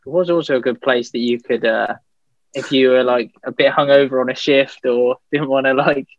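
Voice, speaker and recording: A man's voice: mid-range voice, fairly even intonation, moderate pace, no echo, muffled recording. A young man from England in a casual chat, talking in a laid-back way with lots of fillers. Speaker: podcast guest.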